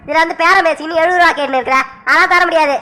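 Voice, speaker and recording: A woman plays a young male idol seller in a cartoon village market, a man who hurries every customer along with quick, clipped talk. His voice sits very high and comes out bright and sharp. He bargains hard and is always impatient. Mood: firm. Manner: impatient, haggling, rushes customers. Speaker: shopkeeper. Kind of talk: cartoon voice acting.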